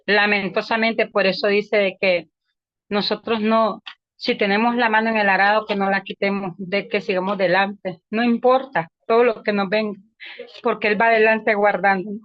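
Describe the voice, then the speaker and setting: A woman's voice: mid-range voice, steady tone, moderate pace, no echo. A woman taking part in a class, answering earnestly and quoting scripture. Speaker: class participant. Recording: dull lo-fi sound.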